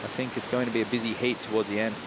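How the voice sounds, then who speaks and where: A man's voice: flat delivery, rapid-fire. A man giving conversational analysis as a surf coach and guest commentator. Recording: clear outdoor hiss and rumble behind.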